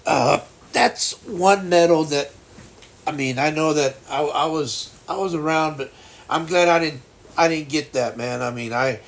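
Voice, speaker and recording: A man in his sixties chatting casually as a livestream host, with a blocked-nose sound and a halting, reflective, folksy way of reassuring people. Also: mid-range voice, fairly bright tone. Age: 60s. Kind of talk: casual chat.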